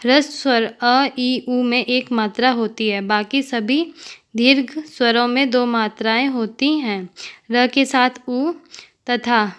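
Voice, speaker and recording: A woman reading grammar notes aloud for exam preparation, dictating letters and words slowly and carefully. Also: on the high side, clear, resonant tone. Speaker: teacher.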